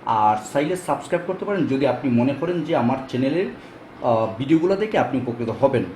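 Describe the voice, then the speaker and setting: A man's voice: medium pitch, expressive, fairly quick, dark tone, slight background noise. A man teaching English pronunciation in a casual spoken lesson, explaining step by step with frequent fillers. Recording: echoey room with faint ambience.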